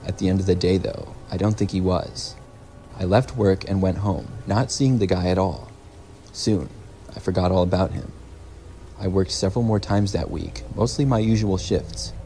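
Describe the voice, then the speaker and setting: A man narrating a scripted first-person story in a measured, plain storytelling delivery. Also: low-pitched, mellow, slight background noise, poor audio. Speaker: narrator of horror stories.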